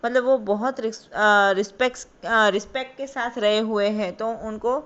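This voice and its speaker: A woman's voice: on the high side, fairly even intonation, normal speed, fairly bright tone, natural voice. A woman voicing a young man in a told story, reproaching a neighbour and pleading with his grandfather. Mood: reproachful. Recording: dull lo-fi recording.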